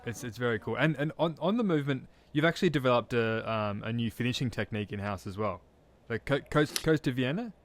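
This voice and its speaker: A man's voice: medium pitch, fast, few pauses. An Australian man with an Australian accent, hosting a casual interview and keeping it going with short, attentive responses. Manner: attentive, frequent short backchannels. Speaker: podcast host.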